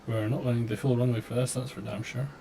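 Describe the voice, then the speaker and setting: Gravelly man casually commentating a flight game. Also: mid-range voice, flat delivery, quick pace, background noise. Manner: muttering to himself, sweary, dryly self-deprecating. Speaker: live streamer playing a flight simulator. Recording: game stream with clear background music. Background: music.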